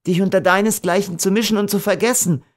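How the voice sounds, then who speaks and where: A man reading an audiobook, voicing a gentle, doomed young woman in a raised, soft voice. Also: fairly even intonation, fast, natural voice. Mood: quiet sorrow. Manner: soft, pleading, raised pitch.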